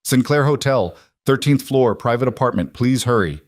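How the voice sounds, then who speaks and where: A man's voice: mid-range voice, lively intonation, moderate pace, no echo, clean studio sound, voice pushed up, natural voice. A man voicing a frightened young woman who pleads desperately.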